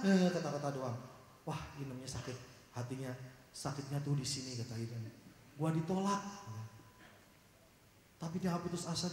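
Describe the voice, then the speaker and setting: A man's voice: a little high, slight background noise. A man preaching a sermon, telling a story and acting out its characters, then asking his audience questions. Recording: echoey hall.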